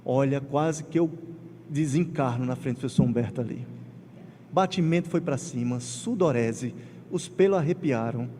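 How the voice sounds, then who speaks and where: Man, Pernambuco accent, spiritist lecture, animated storytelling, long hall echo, faint background noise. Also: medium pitch, moderate pace. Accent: Pernambuco Portuguese. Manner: emotional, animated storytelling with acted quotes. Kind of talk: lecture to a congregation.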